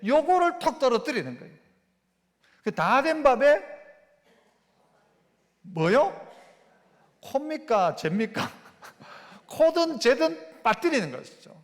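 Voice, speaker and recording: A male pastor with a Gyeongsang Korean accent preaching a sermon, acting out complaining voices with lively dialect phrasing, recorded in a church sanctuary. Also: extremely high pitch. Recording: church hall reverb.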